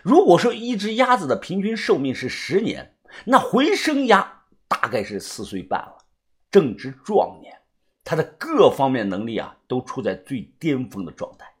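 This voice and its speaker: A man narrating a first-person audiobook story in a lively, swinging storyteller manner. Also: fairly high pitch, normal speed, breathy edge.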